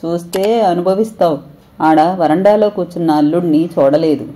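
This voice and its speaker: A woman's voice: on the low side, normal speed, dark tone, natural voice. A woman voicing a domineering, cruel older mother-in-law who speaks harshly and threatens. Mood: suspicious.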